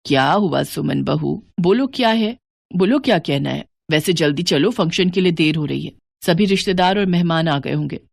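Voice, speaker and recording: A woman's voice: expressive, vocal fry, no echo, heavily acted. Woman voicing a sorrowful old widow. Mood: hurried, fond. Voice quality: lower, slower, tearful delivery. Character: grieving widowed mother-in-law, older woman. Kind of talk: animated moral story voice acting.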